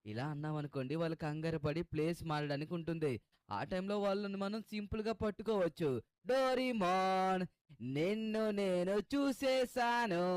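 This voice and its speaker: A man playing a young cartoon guy with a fairly high voice, grumbling and defending himself. His calls stretch out long. The sound is dry. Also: darkish tone, clear, resonant tone, no echo, close to an everyday voice. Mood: playful.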